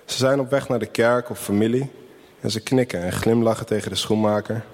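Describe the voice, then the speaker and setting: A man reading a children's Christmas story aloud in a gentle, unhurried way, giving the people in it their own voices. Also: fairly low pitch, in a large hall. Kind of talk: storybook narration with character voices.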